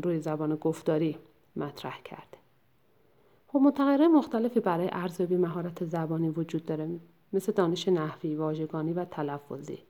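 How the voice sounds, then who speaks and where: A woman lectures her way through a textbook chapter in a low, mellow voice. Her delivery is measured and explanatory, with frequent filler pauses and restarts as she searches for the right phrasing.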